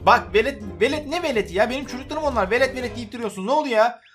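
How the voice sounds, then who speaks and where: A man's voice: extremely high pitch, fairly bright tone, faint music behind. A man hosting a Roblox game video, playing a fussing dad in a role-play. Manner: fast, exclaiming, fussing. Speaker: gaming channel host playing a dad.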